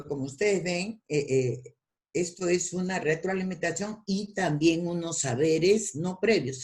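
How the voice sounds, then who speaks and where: Lively-pitched woman lecturing her students. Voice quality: self-described deep, low-toned voice. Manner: teacherly, asks and answers her own questions. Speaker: university lecturer. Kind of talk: online class lecture.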